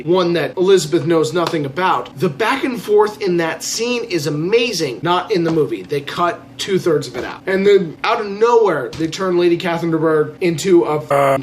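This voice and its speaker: High-pitched male voice, tipsy, emphatic, opinionated vlog review, faint room noise. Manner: tipsy, drink-loosened delivery; emphatic ranting, repeats phrases for stress. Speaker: film reviewer.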